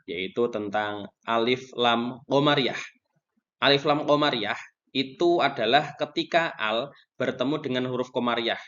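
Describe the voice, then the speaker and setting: A man's voice: mid-range voice, a bit bright. Man patiently teaching, dull lo-fi sound. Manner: patient, repetitive explaining with frequent "ya". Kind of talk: Quran recitation lesson. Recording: dull lo-fi recording.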